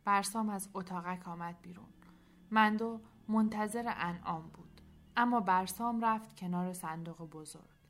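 A woman narrating a storybook, soft and at times nearly whispering. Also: medium pitch. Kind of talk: storybook reading.

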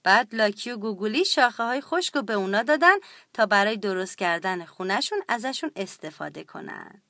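A woman narrating a children's storybook in a gentle, expressive read-aloud way. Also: mid-range voice, no room sound, studio quality.

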